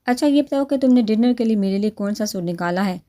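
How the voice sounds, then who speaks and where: Teasing young husband as a woman reads him, playful, light joking, mellow dark tone, storybook reading. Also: mid-range voice, natural voice.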